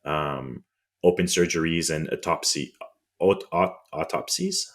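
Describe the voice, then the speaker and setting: A man's voice: extremely low pitch, measured pace. A man with a French accent, co-hosting a podcast and telling history in a conversational way with wry, indignant asides. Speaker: podcast co-host.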